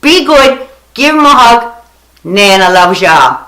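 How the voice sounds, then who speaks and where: A woman's voice: fairly high pitch, sing-song, takes it slowly, fairly bright tone. An older woman telling a story and ranting bluntly to her viewers, swearing freely and scolding. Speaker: vlogger. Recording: echoey room.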